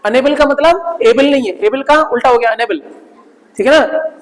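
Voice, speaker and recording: A man leads a vocabulary lesson for job-exam students. He repeats key words slowly and keeps stopping to check that the class follows. His voice rings with a long hall reverb. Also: very high-pitched. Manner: keeps asking "ठीक है ना?" between explanations. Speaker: teacher.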